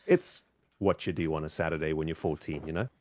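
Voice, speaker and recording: A man's voice: extremely low pitch, fairly quick, a little hiss or hum. Man telling a story in casual chat. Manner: storytelling, animated, restarts often. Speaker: streamer in group voice chat.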